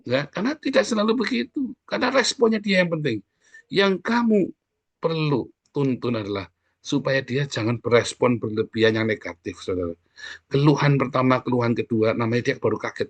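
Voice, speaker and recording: A man's voice: medium pitch, husky, no echo. A male pastor giving a sermon in a conversational way, often addressing the congregation directly. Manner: sings short worship lines softly and slowly.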